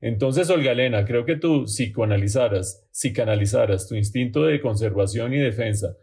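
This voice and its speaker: Husky, teasing man. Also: mid-range voice, moderate pace, warm tone. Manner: teasing, playful, laughs while talking. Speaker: podcast co-host. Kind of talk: casual panel chat.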